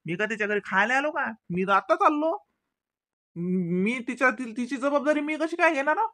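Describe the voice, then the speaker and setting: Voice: sits high, expressive, normal speed, pushed and bright, no room sound. A performer voicing a defensive village man in a cartoon comedy, speaking with a Vidarbha Marathi accent and often stammering.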